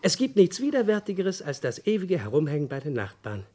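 In a comic German crime radio play from the 1950s-80s, an actor voices a nosy male neighbour who is long-winded, over-polite, chatty and cheerfully oblivious. His warm voice is a little high, with big pitch swings and a brisk pace, over slight background noise.

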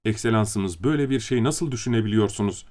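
A man's voice: fairly low pitch, fast talker, darkish tone, natural voice. A man voicing a timid, anxious male clerk who hurriedly soothes his superior. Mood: placating.

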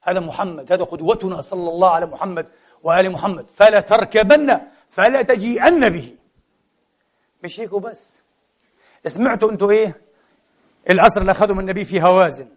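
Middle-aged male preacher, quick delivery, lively sermon mixing formal and colloquial speech. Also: high voice. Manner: animated, switches between classical Arabic and colloquial asides, rhetorical questions. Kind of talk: Friday sermon to a congregation.

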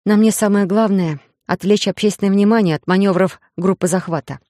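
A woman's voice: medium pitch, brisk, mellow, no echo, studio quality, close to an everyday voice. A woman voicing a playful, cunning young heroine in a romance audiobook, coy and teasing. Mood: coaxing.

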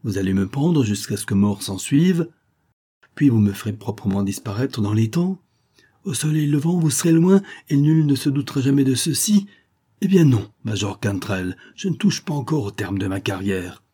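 A man reading the part of a cornered, defiant gentleman in an audiobook, speaking firmly and urgently. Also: medium pitch, expressive, normal speed, breathy edge. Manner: firm, urgent, indignant.

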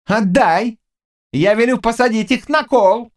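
A man putting on a hoarse raging Tatar warlord. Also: measured pace. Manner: snarling, high-pitched shouting.

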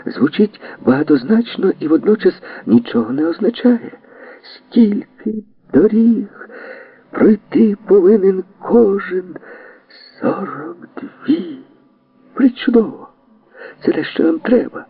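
Storybook mouse, male, gushing and squeaky, a man puts him on; husky, tinny dry sound. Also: sing-song, normal speed, no room sound. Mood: excited. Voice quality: high squeaky put-on voice. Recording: dry tinny narrow-band audio.

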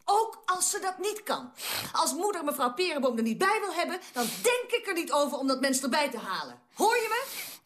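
A reproachful worried wife in a radio play, high and swoopy, keeps asking pushy questions. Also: female voice, sing-song, brisk, fairly bright tone. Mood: indignant. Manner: reproachful, insistent, rhetorical questions. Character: anxious, indignant wife, middle-aged woman. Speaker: radio drama actress.

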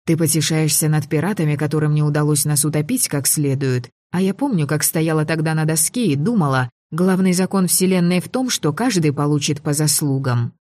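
A woman reading a first-person audiobook, expressive and lively in the dialogue. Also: low-pitched, fairly quick, few pauses, no room sound. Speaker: audiobook narrator.

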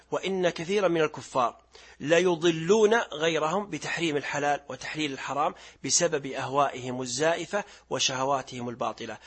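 A middle-aged man giving a religious lesson, explaining verses, reciting them slowly and quizzing his listeners. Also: medium pitch, a bit bright, husky. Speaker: sheikh teaching Quran commentary.

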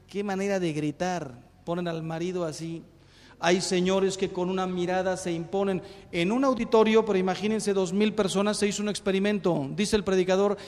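A priest in his fifties giving a humorous talk on marriage, a lively storyteller. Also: high-pitched, in a large hall. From Mexico. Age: 50s. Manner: lively storyteller who acts out jokes.

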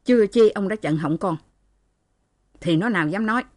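A protective old mother fussing over her child in an audiobook story, voiced by a woman reader. Her voice is warm and mellow, recorded close and dry. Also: mid-range voice, moderate pace, no echo, lightly acted. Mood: worried. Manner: worried, fussing.

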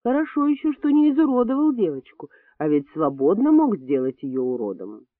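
A man reading an audiobook voices a sharp-tongued, sarcastic middle-aged woman on hospital staff, with indignant, shrill rises. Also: wildly swooping pitch, moderate pace, no room sound. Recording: dry, tinny phone-like sound.

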